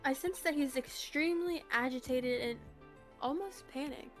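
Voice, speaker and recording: A woman reading out an earnest young female lawyer assistant in a deliberate way. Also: high-pitched, soft background music, close to an everyday voice.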